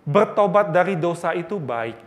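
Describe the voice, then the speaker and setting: Earnest higher-voiced man preaching. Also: animated, moderate pace. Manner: earnest, storytelling with repeated phrases. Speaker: Bible teacher. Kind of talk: sermon.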